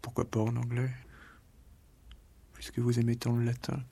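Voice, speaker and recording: A man's voice: medium pitch, monotone, normal speed, creaky, warm tone, slightly rough. A male radio interviewer asking short, probing questions.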